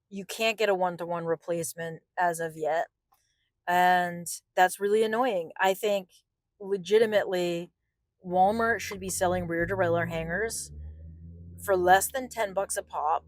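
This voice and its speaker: A woman's voice: mid-range voice, dry recording, low-quality recording. Exasperated woman on a casual rant, dry sound. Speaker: vlogger. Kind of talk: casual spoken rant about a consumer complaint.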